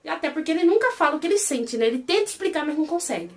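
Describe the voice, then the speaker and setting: A Brazilian woman retelling and reviewing a series in an animated, exasperated, casual way. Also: high voice, very fast, far from the mic. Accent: Brazilian Portuguese.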